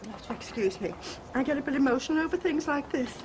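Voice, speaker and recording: A woman's voice: sits high, lively intonation, quick pace. An actress playing a gushing, sentimental woman in a 1980s TV soap, heard on a hissy old broadcast. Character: gushing, sentimental older-ish neighbour woman.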